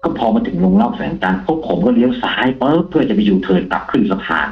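A man, a taxi driver, telling a ghost story in a casual, animated way on a live show. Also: medium pitch, fast talker, gravelly, roomy sound, lo-fi sound. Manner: animated, acts out the quoted lines himself.

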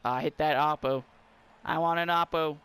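A young man giving casual, excitable commentary while playing a baseball video game and talking to his viewers. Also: fairly high pitch, normal speed, clear, resonant tone. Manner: excitable, talks to viewers and the screen. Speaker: gamer.

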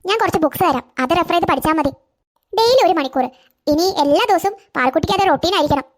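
A woman voicing a caring older girl in a cartoon who gently advises and reassures. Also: very high voice, lively intonation, fast talker. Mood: advising. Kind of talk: cartoon voice acting.

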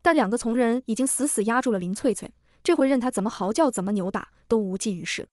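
A woman narrating a novel recap in a fast scripted storytelling style, reading evenly and lightly voicing the characters. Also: on the high side, expressive, a little mellow, dry recording, studio quality.

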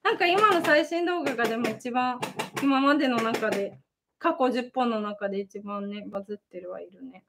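A woman's voice: a little high, moderate pace, background noise. A young woman from Japan hosting a casual livestream from her home, reading viewer comments, chatty and often laughing between many fillers. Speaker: livestream host, idol. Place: home in Sendai.

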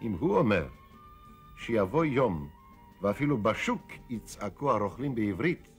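An earnest middle-aged man narrates his boyhood diary dramatically. His voice is fairly low and varied in pitch, with music behind it. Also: big pitch swings. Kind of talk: dramatic first-person narration.

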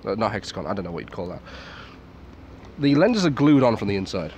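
Reviewing a military surplus gas mask off the cuff, this man has a fairly low, slightly mellow voice that swings widely in pitch and moves quickly. He keeps things understated and sweary, muttering asides. The lo-fi, clearly noisy recording was made outdoors in a garden at night.

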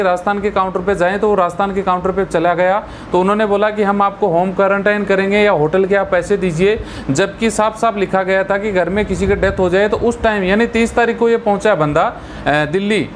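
A man's voice: high-pitched, slight background noise. A man in his thirties talking straight to the camera with a lapel mic in a small room, earnestly and indignantly explaining a case while gesturing with his hands. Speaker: vlogger giving legal and travel advice. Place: small room in front of a red curtain. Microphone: clip-on lapel mic.

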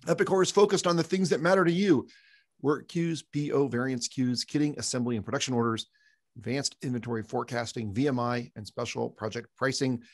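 A man's voice: medium pitch, no room sound. A man co-hosting a business webcast, joking with his partner and reading a sponsor message in long lists. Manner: jokey, reads ad copy in long lists. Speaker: podcast co-host.

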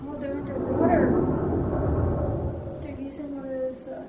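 Chatty high-voiced young woman reacting. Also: moderate pace, roomy sound, recorded from a distance, muffled recording, heavy background noise. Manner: chatty, excitable, laughs often. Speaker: reaction video host. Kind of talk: casual reaction chat. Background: show soundtrack playing.

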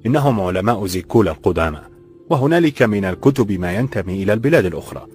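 A man voicing a calm, kind old bookseller who speaks formal classical Arabic, in a slightly raised voice. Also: lowish voice, rapid-fire, breathy edge, faint music behind.

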